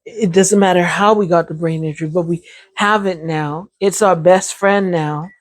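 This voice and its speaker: A woman hosting her own channel chats casually to the camera about her brain injury, calling viewers "y'all" and laughing now and then. Her lowish voice sounds a little sore and hoarse, with fairly even intonation at a normal speed and no room sound.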